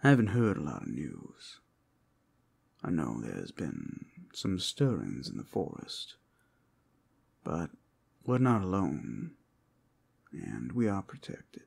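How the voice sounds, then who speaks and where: In a fantasy ASMR roleplay, a man voices a seductive werewolf companion in full character, his low, gravelly, husky, darkish voice often dropping to a breathy whisper. He teases the listener slowly in a playful, reassuring drawl full of pet names, his pitch swooping wildly in this intimate scripted performance.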